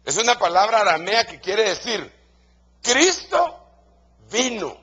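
Husky Guatemalan preacher man. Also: sits high, expressive, moderate pace, bright, forceful tone. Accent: Guatemalan Spanish. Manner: emphatic, repeats key phrases. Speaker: pastor. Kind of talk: sermon.

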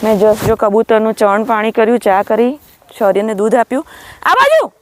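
A Gujarati woman chatting casually in a vlog, often calling to her child and her cows in a high, coaxing sing-song voice, outdoors on a farm. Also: fairly even intonation, a little fast, darkish tone, a little hiss or hum. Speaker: vlogger and mother.

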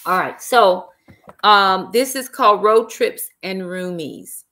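Slow and medium-pitched, this middle-aged woman's voice comes across pushed and bright. An author hosting a relaxed live stream, she sits in an armchair in a small room talking to her laptop webcam, using "y'all" and exclamations of praise.

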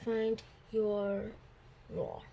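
A woman voicing a small, helpful flea in a storybook, reading slowly and plainly. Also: mid-range voice, creaky, dark tone, slight background noise, low-quality recording. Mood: encouraging. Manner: slow, plain read-aloud delivery.

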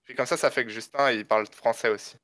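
A man's voice: mid-range voice, fairly even intonation, fast, a bit bright, dry recording. A man chatting casually with a teasing, rambling manner while playing a game. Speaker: game co-player. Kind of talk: casual gameplay chat.

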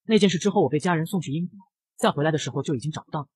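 A man reading a domineering rich heir in a comic recap, bossy and cold. The talk runs very fast on a husky, slightly high voice. It is dry, with no room in it. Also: darkish tone, no echo. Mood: coaxing.

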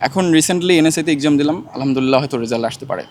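A man's voice: on the high side, racing. A young man, a quiz contestant, chatting playfully and boastfully into a handheld mic. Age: young adult. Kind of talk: casual street quiz banter. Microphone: handheld microphone.

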